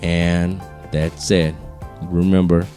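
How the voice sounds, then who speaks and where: A man hosting a podcast solo, speaking slowly in a low, hushed register with casual, rambling, earnest encouragement. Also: level tone, faint music behind. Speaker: podcast host.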